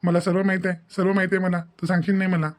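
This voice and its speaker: A man voices a devoted young husband in a cartoon family drama, lecturing earnestly and insistently with questioning tags in a Maharashtrian Marathi accent. His voice is high, natural and level in tone, delivered very fast, and the mood is insistent and caring.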